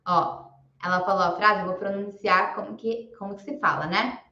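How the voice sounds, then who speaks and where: A woman's voice: medium pitch, fairly even intonation, pushed and bright, reverberant, dull audio, slight background noise. A young adult woman teaching English to beginners in a live online class, speaking patiently and repeating each word so students can follow. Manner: slow, patient drilling with repetition.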